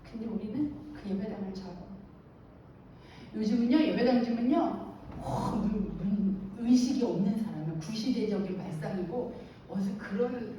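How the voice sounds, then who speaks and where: Animated woman telling stories in an echoey church hall. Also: a little high, lo-fi sound, slight background noise. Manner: lively storytelling, acts out quoted voices, laughs often. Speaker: speaker at a church teacher training. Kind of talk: anecdotal church talk. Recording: very echoey hall, distant mic.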